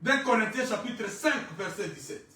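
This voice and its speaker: A male pastor preaching a sermon, rising to shouts and falling quiet, with Lingala phrases mixed in. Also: high voice, expressive, moderate pace. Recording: echoey church from far off.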